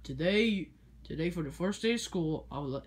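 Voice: medium pitch, expressive, normal speed, slightly rough. A performer voicing a strict, short-tempered male skeleton teacher in a homemade plush-toy story, hesitant and scolding. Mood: formal.

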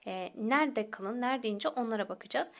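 A young woman teacher explaining recitation rules patiently, repeating each rule step by step and slowing down for examples. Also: fairly high pitch, animated, creaky. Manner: slows down to recite example words. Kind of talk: recorded tajweed lesson.

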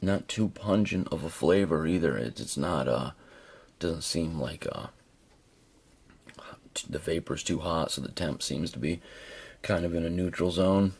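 Male reviewer, chatty and informal; raspy, creaky voice, off-the-cuff video style. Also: low voice, a little slow, long pauses, darkish tone. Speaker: product reviewer. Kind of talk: casual hands-on video review.

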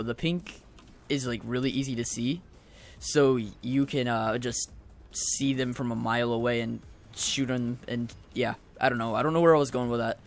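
Excitable young man rambling over gameplay. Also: mid-range voice. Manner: excitable, rambling, goofy asides. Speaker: gaming video host. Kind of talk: casual let's-play commentary.

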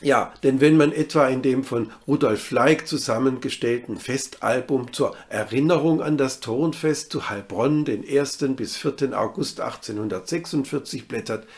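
A man giving a scripted documentary narration for a literary city tour, reading in a measured, even manner. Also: medium pitch.

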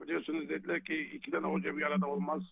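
A man's voice: on the high side, flat delivery, rapid-fire, gravelly, slightly rough. A man, a football club president calling in live to a sports talk show, speaking casually while his voice echoes back down the phone line. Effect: voice echoing back on the phone line. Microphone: telephone.

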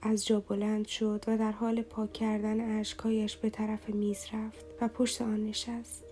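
A woman reading a romance novel aloud as an audiobook narrator in a slow, somber, even way. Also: medium pitch, soft background music.

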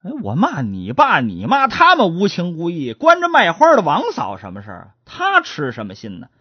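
A woman's voice: lowish voice, wildly swooping pitch, normal speed, slightly rough, dull audio, heavily acted. A woman voicing a flustered hot-tempered young husband. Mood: indignant. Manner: flustered, blustering, pleading. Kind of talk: storyteller voicing characters.

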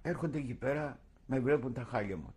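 A man's voice: mid-range voice, lively intonation, darkish tone, breathy edge. An older man in an oral history interview, recounting his past vividly and acting out his own words.

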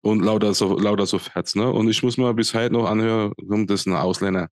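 A man's voice: on the low side, steady tone, a little fast, dry recording. A man in his thirties from Speyer with a Palatinate accent, co-hosting a podcast in casual, blunt, colloquial chat from a home room on a studio mic. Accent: Palatinate German. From Speyer, Germany. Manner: blunt, colloquial, many fillers and restarts. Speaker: podcast co-host. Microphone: studio mic on arm, video call.

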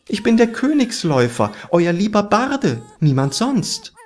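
A man voicing a flustered, indignant male chess bishop who is a lute-playing bard, pleading in a high plaintive voice. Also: big pitch swings, measured pace. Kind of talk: audiobook character voice. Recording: music playing underneath.

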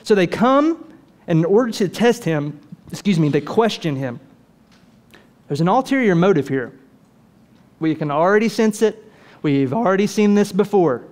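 Brief: male pastor, a bit high-voiced, chatty sermon delivery with lots of questions. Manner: lively, conversational preaching with rhetorical questions.

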